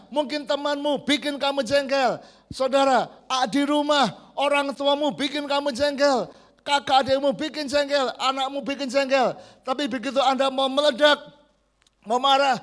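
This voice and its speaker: A man with a fairly high voice preaching to his church. He tells animated stories and calls on the congregation to repeat his words back to him. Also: normal speed. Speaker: pastor. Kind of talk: sermon. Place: church service.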